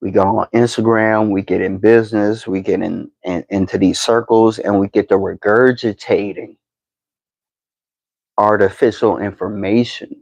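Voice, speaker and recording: A man in his fifties with a low, gravelly voice, hosting a podcast. He lectures slowly and deliberately, stumbling on repeated words and fillers. His voice sits close and dry, with no room around it. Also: steady tone, darkish tone, no room sound, dull audio. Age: 50s. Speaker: podcast host. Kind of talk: motivational talk to camera.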